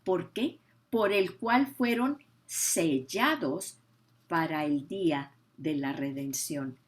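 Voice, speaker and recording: A woman's voice: low-pitched, animated, slow. An older woman, teaching the Bible with emphasis, repeating key phrases and asking her listeners questions.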